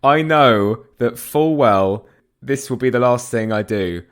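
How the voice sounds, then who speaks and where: A man's voice: medium pitch, lively intonation, slow pace, clear, resonant tone. A young man co-hosting a podcast, enthusiastic and self-deprecating. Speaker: podcast co-host. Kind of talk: casual chat.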